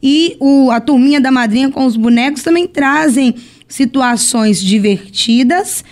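A woman's voice: high-pitched, measured pace, darkish tone. A woman with a Brazilian accent, a church bishop on a podcast, explaining her teaching and retelling stories with quoted lines. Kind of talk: teaching, religious podcast talk.

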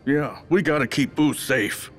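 An actor voicing a big, easygoing, protective furry monster in an animated game, with a husky, gravelly voice. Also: male voice, on the high side, measured pace, faint music behind, close to an everyday voice. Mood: gentle, protective. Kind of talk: animated video game acting.

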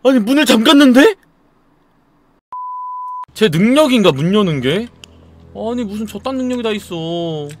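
A man's voice: sits high, lively intonation, moderate pace, long pauses, background noise. A man giving live commentary as he plays a horror game, jumpy, exclaiming and muttering to himself.

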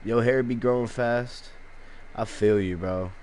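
A man's voice: mid-range voice, fairly even intonation, a little slow, darkish tone, a little hiss or hum. A man streaming gameplay, talking to his chat in a slangy, casual way full of swearing. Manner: slangy, swears a lot, chats with viewers.

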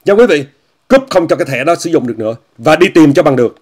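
A man's voice: a little high, lively intonation, fast talker, a little mellow. A man hosting an online commentary monologue, addressing viewers, repeating phrases and mocking what he discusses. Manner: repetitive, often repeats phrases and says "quý vị" often; scornful, mocking tone.

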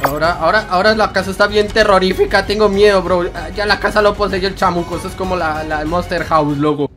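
A man's voice: high-pitched, fairly even intonation, fast, a bit bright. Jittery young man playing a horror game. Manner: jittery, jokey, feigning fright, slangy. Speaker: gaming YouTuber. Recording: game music behind.

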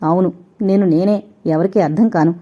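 A woman's voice: on the low side, fairly even intonation, mellow, lightly acted. A woman doing a haughty rich young woman. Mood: scornful. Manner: haughty, cutting, quick. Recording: dull lo-fi recording.

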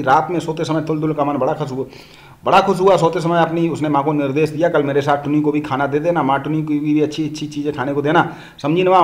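A male teacher reading a textbook story aloud to pupils, acting out the dialogue and stopping to explain. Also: a little high.

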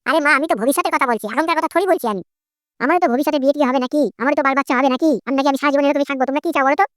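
Woman doing bratty cartoon lad, bright sharp tone, moans about everything. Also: high-pitched, steady tone, very fast, no room sound, studio quality. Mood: whining.

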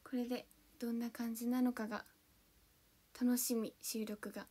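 A young idol livestreamer from Kanto, Japan, originally born in Hiroshima, chats casually and reads out viewers' comments one by one, thanking each in a bubbly, giggly way. Her voice is fairly high with a dark tone and a breathy edge, and her delivery is flat at a moderate pace.

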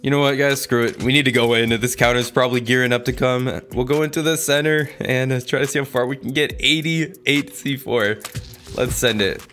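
A man's voice: medium pitch, steady tone, fairly quick, a bit bright, soft background music. A man giving casual gameplay commentary, thinking aloud and talking to viewers in informal, exclamatory slang. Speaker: gaming video creator narrating his play.

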